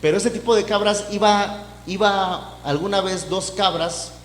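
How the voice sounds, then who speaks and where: A man's voice: high voice, unhurried. A man preaching a sermon as pastor, talking conversationally, often restarting his phrases and acting out other people's voices. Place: church. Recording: echoey church hall with faint hum.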